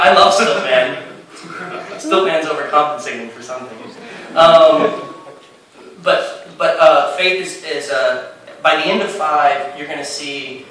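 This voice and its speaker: A man's voice: mid-range voice, fairly bright tone. A man, a comic book writer on a panel, talking eagerly and rambling, with many fillers and restarts. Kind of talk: casual panel talk. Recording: echoey hall, speaker far from mic, faint noise.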